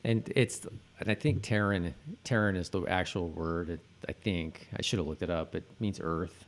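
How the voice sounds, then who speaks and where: A man co-hosts a podcast, chatting casually about a TV episode in a loose, somewhat hesitant conversational way. His voice is low-pitched, his tone steady, and his pace moderate.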